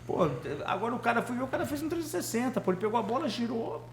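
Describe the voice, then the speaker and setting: A man's voice: very high voice, expressive, very fast. A man with a Brazilian Portuguese accent co-hosting a podcast, chatting about football in a conversational way and often asking questions. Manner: conversational, asks questions, many fillers. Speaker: podcast co-host. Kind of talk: casual sports chat. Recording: echoey room with faint background noise.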